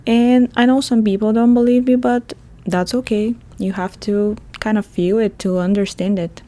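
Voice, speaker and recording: A woman's voice: medium pitch, fairly even intonation, moderate pace, warm tone. A woman in her thirties from Bulgaria, with a Bulgarian accent, hosting a solo podcast in a chatty manner and laughing often. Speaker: podcast host.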